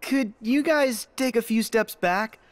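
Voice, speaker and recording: An actor voicing an earnest, friendly teenage boy hero in an animated video game. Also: medium pitch, measured pace, natural voice. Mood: uneasy, wary.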